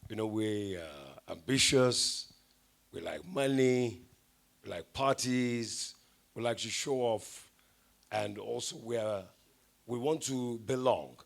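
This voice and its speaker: A man's voice: mid-range voice, slow, creaky. Nigerian man giving a wry event speech. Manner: anecdotal, wry, switches into Pidgin asides. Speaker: event speaker. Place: event hall.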